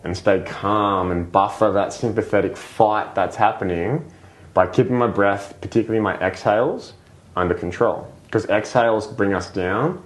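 A man with a fairly low voice talks as a guest on a podcast. He explains breathing and the body in a casual, patient way. He leans on fillers like "like" and keeps checking in with "right?". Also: moderate pace. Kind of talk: casual explanatory interview talk.

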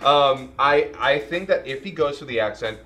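Lively, bright-voiced opinionated man. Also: medium pitch, normal speed, soft background music. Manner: opinionated, emphatic, restarts often. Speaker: podcast co-host. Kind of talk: casual chat.

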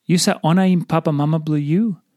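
A man's voice: fairly high pitch, steady tone, brisk, mellow, dry recording, clean studio sound. A man with a Papua New Guinean accent reading a scripted devotional for an audio recording. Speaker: devotional reader.

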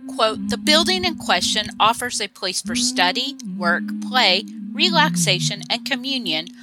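A woman giving scripted documentary narration in a measured, even manner. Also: fairly high pitch, poor audio. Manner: measured, reads quotes aloud. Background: music.

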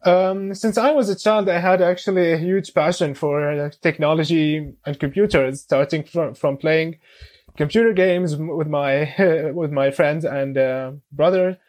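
A man in his twenties from Syria, a guest on a podcast, speaking English with many pauses, fillers and restarts. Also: a little high, darkish tone. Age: 20s. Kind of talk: casual interview.

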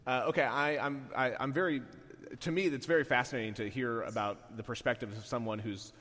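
A man's voice: mid-range voice, fairly even intonation, fairly quick, a bit bright. A man preaching a sermon as the pastor, conversational and full of "uh"s, interviewing a church member. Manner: conversational, hesitant with many fillers. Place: church sanctuary. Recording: church hall reverb.

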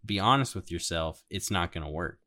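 A man's voice: sits low, lively intonation, fairly quick, pushed and bright. A man talking casually as a panelist on a podcast about his study plans.

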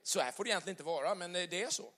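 A man's voice: sits high, animated, a bit bright. A man preaching a conversational sermon, chatty and full of acted-out little dialogues. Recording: long hall reverb.

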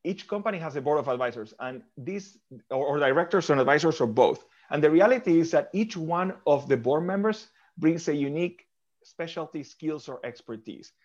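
This Argentine man is a podcast guest giving thoughtful interview answers, frequently restarting and repeating words while he works out what he means. He talks fairly quickly in an expressive, fairly high voice, and the audio sounds dull.

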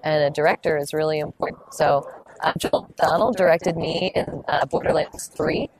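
A woman's voice: low voice, fairly even intonation, normal speed, darkish tone, no room sound, low-quality recording. A woman voice actress chatting in an upbeat, friendly way at a gaming convention, laughing easily as she answers questions. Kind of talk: casual interview chat.

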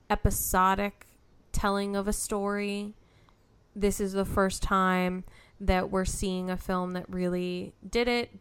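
A woman with a smooth, clear voice at a middle pitch talks casually as a podcast co-host. She sometimes feels her way toward a word with small fillers. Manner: searches for words with fillers. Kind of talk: casual film discussion.

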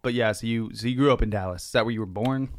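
A man's voice: mid-range voice, no echo. A man in his thirties from Texas, hosting a casual chat in a friendly way and often saying "dude.". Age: 30s. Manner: friendly, fast, says dude a lot. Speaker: podcast host.

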